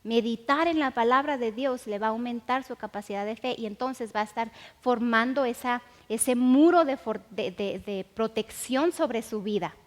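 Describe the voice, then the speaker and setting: Woman preaching in a reverberant hall. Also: a little high. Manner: repeats key phrases slowly and emphatically. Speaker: Bible teacher. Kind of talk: sermon teaching.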